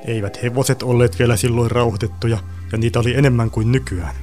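A man narrates a science fiction tale at a middle pitch. His telling is lively, and faint music plays beneath him. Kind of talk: audio drama narration with voiced characters.

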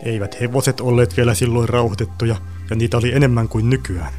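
A man's voice: medium pitch, steady tone, darkish tone, faint music behind, close to an everyday voice. A man voicing an irritable male history teacher who lectures and scolds his class in a storybook reading. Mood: lecturing.

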